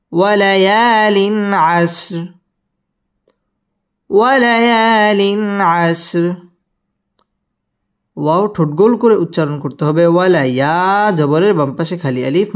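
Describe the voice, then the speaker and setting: A man teaching Quran recitation with tajweed, spelling out each verse and then chanting it slowly and melodically between brisk explanations. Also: fairly high pitch. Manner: slow drawn-out melodic recitation alternating with quick spoken explanations.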